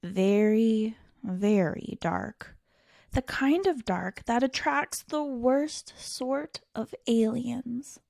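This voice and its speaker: Reading a picture book to young children, a storytime reader with a fairly high, creaky, darkish voice takes her time, stretching key words and pausing for drama in theatrical style. The recording is close and dry, with no room sound.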